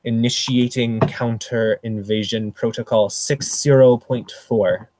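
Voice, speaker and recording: A game master voicing a booming, robotic crab-spider war machine that announces alerts slowly. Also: male voice, fairly even intonation, noisy background, natural voice. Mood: alarming. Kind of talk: tabletop game narration. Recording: dry close sound.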